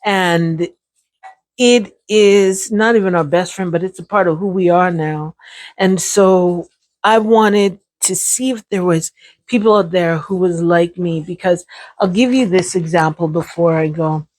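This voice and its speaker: Talking to the camera on her channel, a woman describes her brain injury in a relaxed, chatty way, laughing occasionally and addressing viewers as "y'all." Her voice is fairly low, darkish, unhurried, and a bit hoarse and sore, with no echo.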